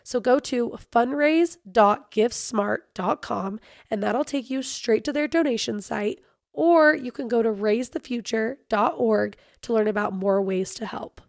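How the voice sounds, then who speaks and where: A woman hosting a podcast with a hoarse, worn-out voice, talking in a chatty, bubbly, casual way. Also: on the high side, measured pace, no room sound, clean studio sound. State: hoarse, voice nearly lost. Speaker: podcast host.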